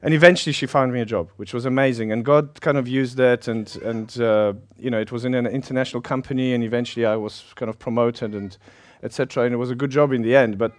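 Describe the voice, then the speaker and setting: A middle-aged South African pastor, Polish by birth, preaches informally in a South African accent, chatty and self-deprecating, laughing often. His mid-range voice moves fast with fairly even intonation and hardly any pauses, and there's no room sound.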